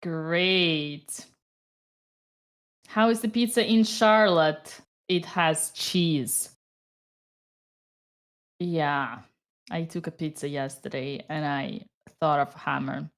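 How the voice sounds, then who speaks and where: A woman with a Romanian accent giving live chess commentary to her chat, excitable and cheering at good moves. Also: deep voice, takes it slowly, pauses often.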